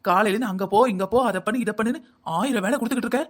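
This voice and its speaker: A nagging older husband in a cartoon, as voiced by a performer, talking in a quick, middling-pitched voice with a South Tamil Nadu accent. He scolds and grumbles about the household without pause. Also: fairly bright tone, natural voice. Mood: grumbling. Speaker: voice actor in a family cartoon. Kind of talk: cartoon family comedy acting.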